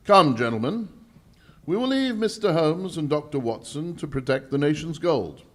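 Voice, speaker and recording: A man's voice: on the high side, lively intonation, moderate pace, fairly bright tone. A man acting a nervous, deferential English lord and bank governor in a 1940s-style radio drama, hesitant and polite.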